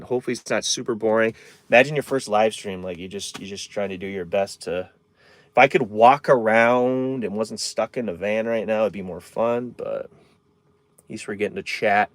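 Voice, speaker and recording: A man's voice: fairly low pitch, normal speed, dry recording. A man in his thirties chatting casually on a live stream from inside his camper van, rambling and answering viewer comments.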